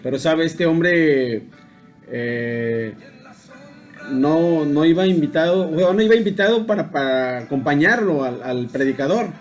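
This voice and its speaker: A man preaching a daily devotional in a slightly high voice, taking his time and circling back on his words with frequent fillers and tag questions as he tells a story. Soft music plays faintly underneath. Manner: unhurried, halting, many fillers and tag questions.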